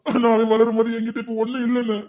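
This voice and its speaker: An actor playing a tearful, remorseful brother, sobbing and stammering in a Tirunelveli Tamil accent, in a web-series family drama. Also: male voice, very high-pitched, monotone, very fast, mellow. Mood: grieving.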